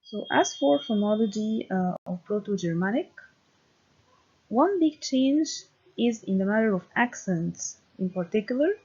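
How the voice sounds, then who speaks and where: A woman giving a recorded university lecture, speaking deliberately and often pausing to check understanding with "okay". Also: mid-range voice, a little mellow, breathy edge. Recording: dull lo-fi recording.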